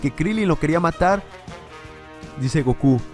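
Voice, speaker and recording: A man hosting a reaction video, reading a fan comic aloud and acting out the characters' lines with shouts. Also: fairly high pitch, normal speed, faint music behind. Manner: animated, acts out characters' lines with loud yells.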